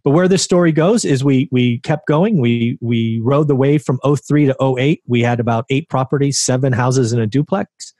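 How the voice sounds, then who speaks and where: A man's voice: medium pitch, normal speed, few pauses, mellow, dry recording, clean studio sound. A man in his forties, a guest on an interview show, telling his story conversationally and often tossing in a rhetorical "right?". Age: 40s. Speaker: interview guest, real estate investor.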